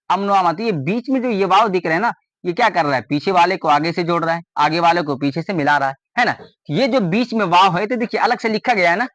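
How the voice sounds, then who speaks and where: A man's voice: sits high, fairly bright tone, no echo, lo-fi sound. A man teaching a grammar lesson, often repeating a question to his students and then answering it.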